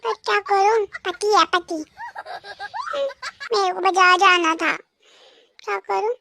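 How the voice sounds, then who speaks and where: A woman's voice: very high voice, fairly even intonation, slow pace, vocal fry, bright, forceful tone, a little hiss or hum, heavily acted. A woman voicing a sulky young wife in a comedic dub, grumbling to herself.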